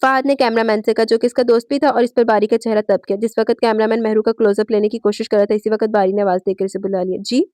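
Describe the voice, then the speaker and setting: A woman narrating a romance novel aloud, with a steady storytelling manner and small self-corrections. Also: fairly high pitch, fast, hardly any pauses, dry recording. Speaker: audiobook narrator.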